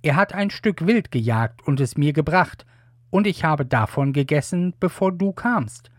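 Aged patriarch read by a man, solemn, unhurried, a little high. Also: expressive, dry recording, clean studio sound. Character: aged blind patriarch giving blessings.

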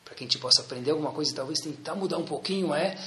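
A man's voice: a little high, very fast, a bit bright, reverberant, a little hiss or hum. A man with a Brazilian accent giving a Torah lesson, asking rhetorical questions and acting out little dialogues. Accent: Brazilian Portuguese. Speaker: rabbi teaching Torah.

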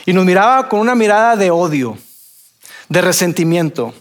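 A man's voice: high-pitched, expressive, normal speed. A man from Mexico with a Mexican accent, telling a personal testimony with acted-out dialogue and many fillers.

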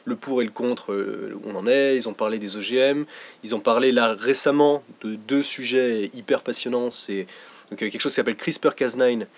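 A man's voice: medium pitch, fairly even intonation, normal speed. Young French man explaining science casually. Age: 20s. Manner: enthusiastic explainer, hedging with many fillers. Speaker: podcast guest. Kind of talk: casual chat.

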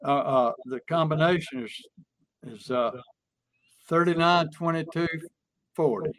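A man's voice: a little high, a little slow, a bit bright, dry recording. A man explaining a point in casual conversation, using folksy stories and acted-out examples. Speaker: sales and persuasion speaker. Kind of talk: conversational teaching chat.

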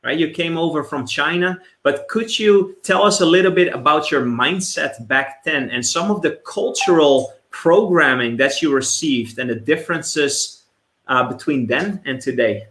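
An eager male host with a fairly high, bright and edgy voice, often restarting his sentences in his excitement. He is heard in a roomy, echoing space. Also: moderate pace. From immigrant background. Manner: enthusiastic, stumbling restarts. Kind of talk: hosting a live online interview show.

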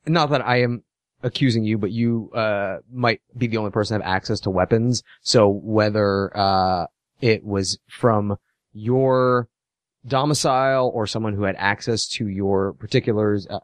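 A man's voice: fairly low pitch, normal speed, no echo. A man playing a tabletop role-playing game, asking earnest questions. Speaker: player.

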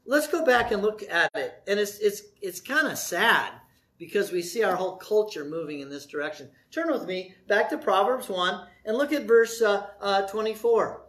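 A man preaching a sermon as pastor, folksy and animated, with asides and jokes to the congregation. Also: high voice, moderate pace.

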